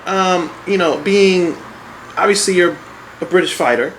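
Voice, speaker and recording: A man interviewing a boxer, asking halting, casual questions filled with ums and restarts. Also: sits high, fairly bright tone, slight background noise, low-quality recording.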